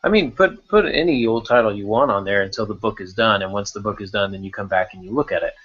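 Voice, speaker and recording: A man hosts a podcast on the craft of writing, talking casually and unscripted, thinking aloud and repeating words as he goes. His voice is fairly low, quick and husky, and the highs are cut off.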